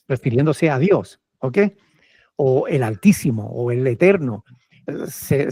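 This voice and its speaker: Pastor with a mellow, dry voice. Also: male voice, on the high side, dry recording. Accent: Peruvian Spanish. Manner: explanatory, often checks with "¿ok?". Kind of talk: answering questions in a church Q&A.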